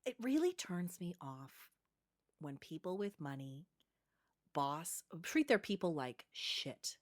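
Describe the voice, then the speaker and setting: A woman's voice: fairly low pitch, very animated, slow. A woman co-hosting a casual podcast, blunt and teasing, laughing often. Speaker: podcast co-host. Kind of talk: casual chat.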